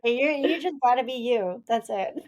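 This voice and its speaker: A woman's voice: on the high side, normal speed, a little mellow, highs cut off. A woman hosting a podcast, affirming and encouraging her guest in casual conversation. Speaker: podcast host.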